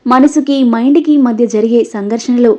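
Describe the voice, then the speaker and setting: High-voiced woman storyteller. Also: moderate pace, mellow. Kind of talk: storybook narration. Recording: dull lo-fi recording.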